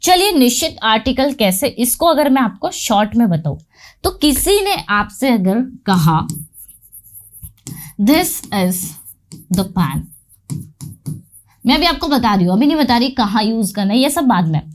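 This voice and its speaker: Indian-accented woman as English teacher, fairly high voice, patient step-by-step explanations, asks and answers herself. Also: sing-song, moderate pace. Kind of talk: spoken grammar lesson.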